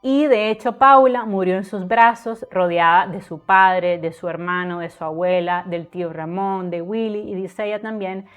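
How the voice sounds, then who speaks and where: A woman's voice: fairly low pitch, steady tone, moderate pace, few pauses, clean tone, faint music behind. A woman hosting a live-stream literature lesson, speaking in an earnest, conversational way with frequent filler sounds. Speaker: literature tutor and channel host.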